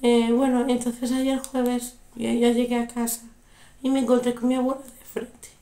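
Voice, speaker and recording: A young woman, telling a story casually in a vlog with animated, repeated exclamations, sounding unwell. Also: a little high, moderate pace, echoey room. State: unwell, recovering from illness. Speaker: vlogger.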